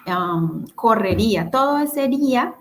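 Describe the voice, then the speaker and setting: A woman's voice: a little high, expressive, slow, slight background noise, rough recording. A woman teaching English grammar in a recorded video-call lesson, explaining step by step, repeating words and checking in with her students.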